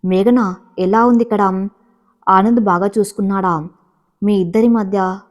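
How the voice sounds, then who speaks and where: A woman voicing an anxious, caring middle-aged mother in a storybook reading, speaking gently and with worry. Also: mid-range voice, fairly even intonation, unhurried, close to an everyday voice. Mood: gentle. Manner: worried, gentle.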